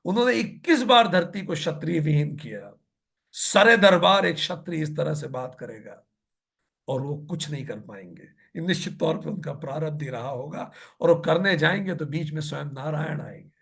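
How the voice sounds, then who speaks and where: A man leads a scripture discourse in a high, gravelly voice. He recites verses in a slow, measured chant, then breaks into lively, conversational explanation. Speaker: spiritual teacher explaining scripture.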